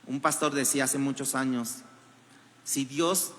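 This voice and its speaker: A man's voice: medium pitch, steady tone, measured pace, a bit bright, big-room sound. A man preaching a sermon as pastor, with a Mexican Spanish accent, building emphasis through rhetorical questions. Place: church hall.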